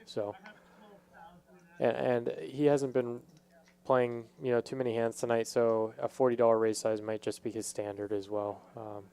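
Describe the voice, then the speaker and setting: Mellow, smooth-voiced male poker commentator. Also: medium pitch, flat delivery, normal speed. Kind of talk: casual live poker commentary.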